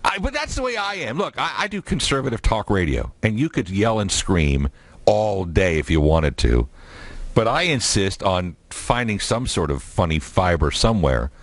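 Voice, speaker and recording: A male talk radio host who keeps things light and jokey. His low voice swings widely in pitch as he riffs between questions. The sound is dry and close. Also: dry recording. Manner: jokey, animated, quick asides.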